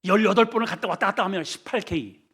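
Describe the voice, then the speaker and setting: A middle-aged man, a senior pastor, preaching an animated sermon and having the congregation repeat lines after him. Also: high voice, fast talker, husky. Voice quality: mock shouts for comic voices. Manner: animated storytelling, leads the congregation in call-and-repeat.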